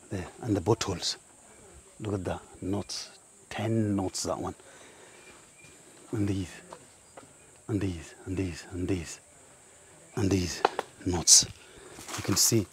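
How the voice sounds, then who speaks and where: A man in his thirties, a ruqya practitioner, walking through woodland and emphatically pointing things out, with a husky voice. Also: low-pitched, a bit bright, slight background noise. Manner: emphatic, pointing things out, mixes in Arabic terms. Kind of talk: guided outdoor walkthrough. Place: outdoors in woodland by a large tree.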